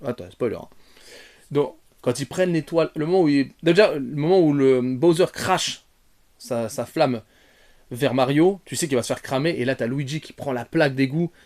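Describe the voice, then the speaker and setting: A bearded-sounding retrogaming YouTuber rambles through an unscripted film review at a moderate pace, restarting sentences and padding them with fillers. Speaking directly to viewers in a mid-range male pitch, he's animated, swinging from quiet muttered asides to sudden loud exclamations.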